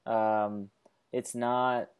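A man's voice: on the low side, little pitch movement, very slow, smooth. A man co-hosting a casual movie-review podcast, teasing and rambling with restarts. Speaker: podcast co-host.

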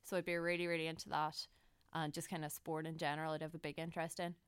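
Clear-voiced young Donegal Irish woman. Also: low-pitched, level tone, fast talker, dry recording. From County Donegal, Ireland. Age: young adult. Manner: earnest, conversational, often self-correcting. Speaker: student election candidate. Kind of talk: informal interview answers.

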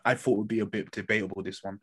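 A man with a London roadman accent chatting casually as a podcast host, using lots of slang and swearing as he tells stories in an animated way. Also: fairly low pitch, fast, husky. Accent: London, urban street slang. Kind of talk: casual banter about TV shows.

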